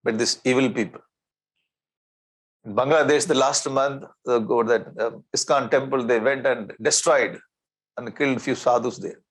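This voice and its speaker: A man with a South Indian accent giving a spiritual discourse in an animated, conversational way, repeating phrases and asking rhetorical questions. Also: medium pitch, normal speed, husky, poor audio. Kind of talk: spiritual discourse with Sanskrit verse recitation.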